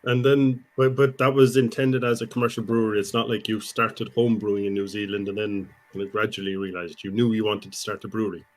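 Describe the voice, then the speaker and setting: A man hosting a casual online chat, relaxed and hesitant, often pausing with fillers. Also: fairly low pitch. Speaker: host.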